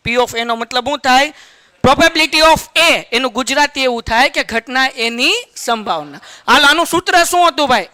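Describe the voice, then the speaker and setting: A man with a Kathiawadi Gujarati accent teaches a maths lesson in a high and very bright, ringing voice. He jokes with the class and keeps checking that everyone follows along. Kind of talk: lively classroom lecture.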